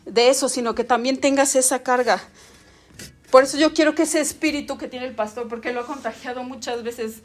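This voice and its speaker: High-voiced woman preaching emphatically. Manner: emphatic, repetitive lists, laughs at herself. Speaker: prophet preaching. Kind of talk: sermon.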